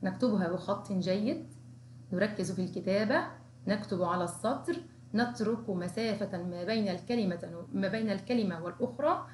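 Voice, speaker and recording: A woman's voice: medium pitch, a little mellow, a little hiss or hum. Encouraging woman teacher, echoey room. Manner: encouraging, slow, sounds out syllables. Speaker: kindergarten teacher. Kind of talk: recorded Arabic writing lesson for young children.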